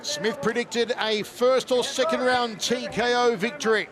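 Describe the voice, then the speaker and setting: A man's voice: very high-pitched, steady tone, measured pace. A man calling an MMA fight live as the play-by-play commentator. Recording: loud arena crowd behind. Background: fight crowd.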